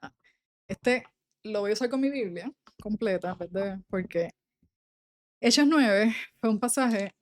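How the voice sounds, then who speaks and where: A woman's voice: mid-range voice, measured pace, pauses often, no echo, clean studio sound. A young adult woman, leading a Bible study and reading scripture aloud before explaining it in a conversational way. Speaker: Bible teacher.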